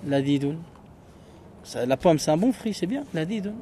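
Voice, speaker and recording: A man's voice: fairly high pitch, lively intonation, warm tone, a little hiss or hum. Man teaching, quizzing his class. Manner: patient, quizzing students with quick questions. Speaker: Arabic teacher. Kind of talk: classroom lesson.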